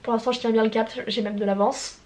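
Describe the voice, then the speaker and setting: A woman's voice: a little high, level tone, fast, darkish tone. A woman of twenty-four with a stuffy nose, chatting casually and rambling about her writing progress with slang and swearing. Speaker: writer vlogging her progress. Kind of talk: casual chat.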